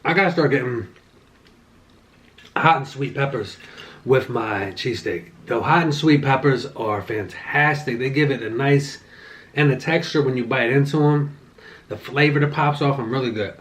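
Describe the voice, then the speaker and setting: A man's voice: medium pitch, normal speed. A young man hosting his own channel, chatting casually between bites as he reviews a movie, rambling and restarting his sentences. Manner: rambling, relaxed, with frequent restarts and "like" fillers. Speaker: channel host reviewing movies while eating. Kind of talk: casual mukbang chat.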